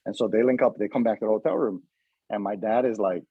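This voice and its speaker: A man as a podcast guest, telling an animated story in casual chat and briefly putting on other people's voices. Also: fairly low pitch, fast, breathy edge, no echo, narrow, tinny audio.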